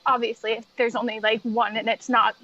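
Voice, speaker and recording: Higher-voiced woman, slightly dull audio. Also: little pitch movement, sharp tone. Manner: giggly, halting phrasing. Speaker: podcast guest. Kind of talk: casual chat.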